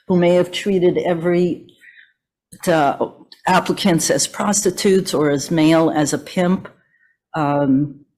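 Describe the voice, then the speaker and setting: A woman reads prepared remarks at a meeting, measured and steady in pace, often pausing to call for the next slide. Her voice trembles from the cold. She speaks in a hotel meeting room. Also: deep voice, poor audio. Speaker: massage therapist giving a meeting presentation. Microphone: meeting audio from a hotel room.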